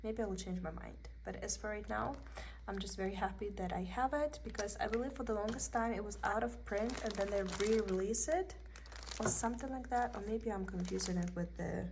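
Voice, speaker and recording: Seated at an indoor table, a young woman from Russia speaks a little fast in a mid-range voice with a Russian accent, casually presenting her cross-stitch haul and thinking aloud. The background is noisy.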